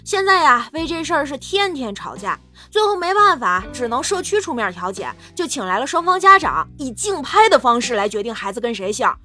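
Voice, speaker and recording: Lively, bright woman reading jokes. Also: sits high, fairly quick, few pauses, faint music behind. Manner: lively, expressive storytelling. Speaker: podcast co-host. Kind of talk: reading comic sketches.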